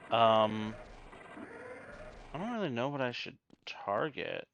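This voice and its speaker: A man's voice: mid-range voice, very animated, slow, vocal fry, very noisy. A man giving casual gameplay commentary, thinking aloud in a hesitant way. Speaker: gamer.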